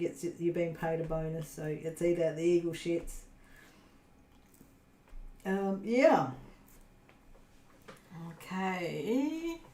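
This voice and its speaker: An Australian woman chats slowly and easily with her livestream viewers, drifting off into fillers and frequent giggles. Her voice sits at an ordinary middle pitch. The room around her gives the sound a noticeable echo. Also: dark tone. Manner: giggly, rambling, many fillers. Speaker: crafting channel host. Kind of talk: casual livestream chat with viewers. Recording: roomy echo.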